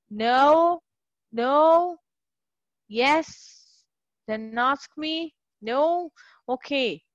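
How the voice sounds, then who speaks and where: A high-voiced woman tutor runs a live online English lesson, cheering her students on with quick praise. Her voice is close and dry, caught on a computer mic with no room sound around it. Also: fairly bright tone, dry recording. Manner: upbeat, encouraging, praises students often. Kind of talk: live online class teaching.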